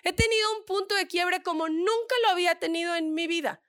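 Northern Mexican woman speaker, crisp bright tone, lively motivational talk with frequent asides to the audience. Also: very high voice, brisk, dry recording, studio quality. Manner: expressive, acts out inner voices with shifts of tone.

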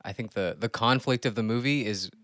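A man's voice: medium pitch, a little fast, fairly bright tone, dry recording, studio quality. A man hosting a podcast, talking casually about films in conversational style. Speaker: podcast host. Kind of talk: casual film discussion.

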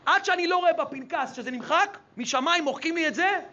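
A man's voice: very high-pitched, sharp tone, pitched above the performer's own voice. A male preacher voicing a humble, pious tavern keeper who earnestly confesses his sins, in a dull lo-fi recording.

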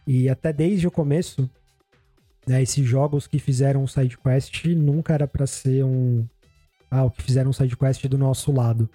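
A man's voice: medium pitch, steady tone, normal speed, dark tone, no echo, soft background music. A man with a Brazilian Portuguese accent hosting a podcast in a casual, chatty style. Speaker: podcast host.

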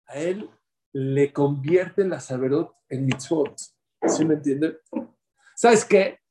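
A man teaching a religious class in an animated way, telling stories and asking his listeners questions. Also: a little high, slow pace, slight background noise. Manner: animated, asks the audience questions.

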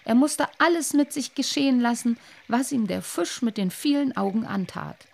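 A woman reading a children's story aloud with expressive, lively narration. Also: a little high, moderate pace, vocal fry.

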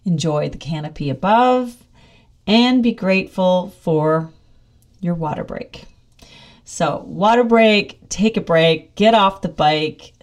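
A woman's voice: fairly low pitch, lively intonation, takes it slowly. A middle-aged woman talking casually in a monologue, upbeat and chatty, often laughing as she speaks.

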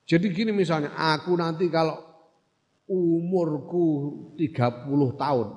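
A man's voice: a little high, measured pace, a little mellow. Man teaching in a reverberant hall. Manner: reads Arabic text, glosses it in Javanese, then explains in Indonesian; checks in with listeners with short questions. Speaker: religious teacher. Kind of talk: classical text study lesson.

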